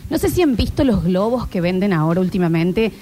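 A woman in her thirties with an Argentine accent, hosting a casual chat and telling stories in an animated way with many filler sounds. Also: mid-range voice, a little fast, a crowd in the background. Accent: Argentine Spanish. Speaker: streaming show host.

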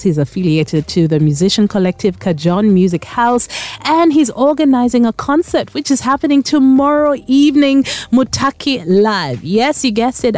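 Chatty woman radio host, mellow voice. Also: mid-range voice, dry recording. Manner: chatty, encouraging, frequent affirming murmurs. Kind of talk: radio interview.

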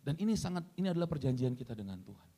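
Fast-talking preacher man, dramatic swings. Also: big pitch swings. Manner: swings between loud high emphasis and low quiet asides; keeps addressing the congregation and calling for amens. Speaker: pastor. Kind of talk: sermon.

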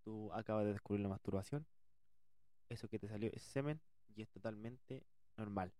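A man voicing a calm schoolteacher who speaks plainly and reassuringly. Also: on the low side, moderate pace, dry recording, pitched below the performer's own voice, natural voice. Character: calm schoolteacher, matter-of-fact woman.

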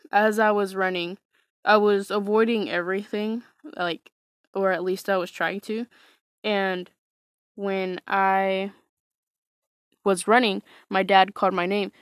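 A woman's voice: medium pitch, dry recording, clean studio sound. A woman casually telling a personal story, hesitant and wry, full of fillers and restarts. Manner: wry, self-mocking.

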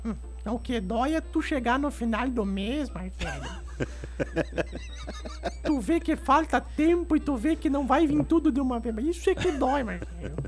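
A woman's voice: high-pitched, lively intonation, moderate pace, darkish tone. A performer playing a cheeky, grumbling woman with a southern Brazilian accent on a comic radio show, blunt and teasing. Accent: southern Brazilian, Rio Grande do Sul. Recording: music bed behind the voice.

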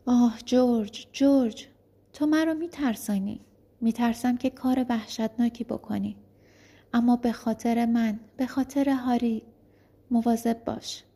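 A woman's voice: on the high side, mellow. A woman voicing a frightened young wife who anxiously pleads with her husband. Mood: pleading.

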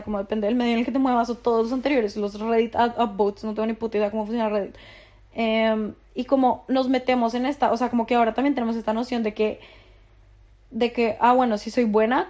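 Fast-talking woman podcasting. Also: on the high side, dark tone. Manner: rambling, profane, heavy use of filler "como". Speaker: podcast host. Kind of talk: casual monologue podcast.

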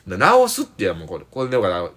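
A man's voice: on the low side, wildly swooping pitch, very fast, fairly bright tone. A man with an Osaka accent, a podcast guest working through a dialect quiz in casual chat and reading each question aloud. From Osaka, Japan.

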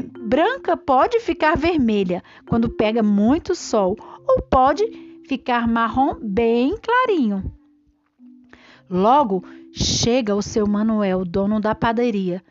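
A woman tells a story to small children in an animated, expressive read-aloud style. Her voice sits fairly high and swings widely in pitch, and she goes very slowly and carefully. Music plays behind her. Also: highs cut off. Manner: animated, slow and careful, addressing children affectionately as little friends. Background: background music.

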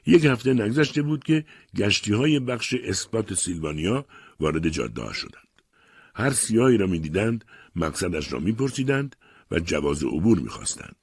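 Deep, husky male audiobook narrator. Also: no room sound, studio quality. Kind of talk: scripted narration.

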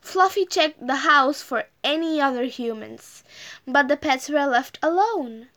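A woman reading a children's story aloud in an animated, sing-song manner. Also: high-pitched, a little slow.

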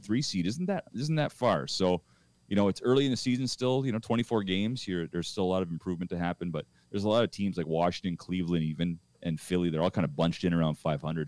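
A man's voice: sits low, darkish tone, dry recording. A middle-aged man hosting a podcast, telling a rambling anecdote in a casual way with many restarts. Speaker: podcast host.

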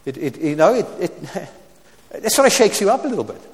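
A man in his seventies preaching a sermon, swinging from loud exclamations to quiet asides, with stammered restarts and wry humorous remarks. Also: high-pitched, big pitch swings, a little fast, long reverb tail. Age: 70s.

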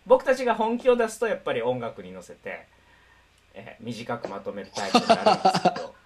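A man hosting a casual live-stream chat, soft-spoken, laughing lightly and thanking viewers for their comments. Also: a little high, big pitch swings, a little fast, husky. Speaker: host.

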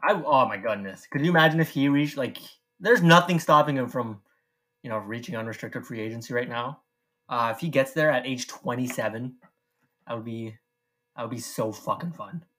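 A man's voice: mid-range voice, normal speed, pushed and bright. Male podcast co-host, mid-range voice, loose and profane casual sports talk. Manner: loose, swears, many fillers.

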